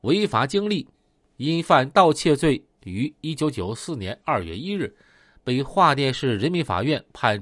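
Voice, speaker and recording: A man narrating a crime story aloud, animated and stretching his words with drawn-out filler particles. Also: medium pitch, no room sound, studio quality.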